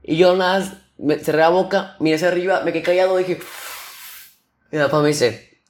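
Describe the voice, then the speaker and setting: A young man with a Mexican accent telling stories on his solo podcast in a slangy, animated way, imitating sounds with his mouth. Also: on the high side, brisk. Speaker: podcast host. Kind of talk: casual solo podcast storytelling.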